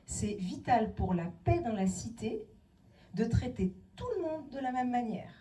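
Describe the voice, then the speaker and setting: This middle-aged speaker on inclusive city design addresses a town hall audience with emphasis, asking rhetorical questions and performing the voices she quotes. Her pitch is fairly high, her delivery animated and measured, her tone mellow, and she stands far from the mic.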